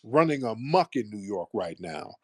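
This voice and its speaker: A man's voice: fairly low pitch, very animated, normal speed, husky, no echo, clean studio sound. An American man hosting a casual call-in debate, assertive and probing as he talks. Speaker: host of a live call-in talk show.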